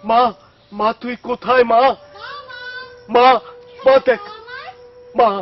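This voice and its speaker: A man's voice: very high voice, big pitch swings, takes it slowly, a little hiss or hum, heavily acted. An actor playing a wild, fervent ascetic holy man in a devotional film, blunt with his followers and crying out to the divine Mother. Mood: longing, crying out. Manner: gruff and blunt with followers, pleading cries to the Mother. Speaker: wandering ascetic saint. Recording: dull lo-fi film soundtrack with music.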